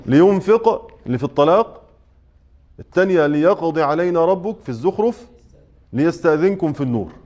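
A man with an Egyptian Arabic accent teaches a tajweed lesson to a mosque study circle. He explains point by point, checks in with the class, and chants the quoted verses slowly. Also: on the high side, lively intonation, a little mellow. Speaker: Quran recitation teacher.

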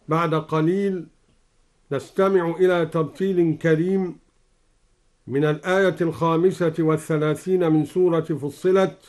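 A man from Egypt, a Quran recitation scholar, explaining reading variants in a measured voice and chanting each example melodically. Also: fairly high pitch, darkish tone. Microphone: broadcast studio microphone.

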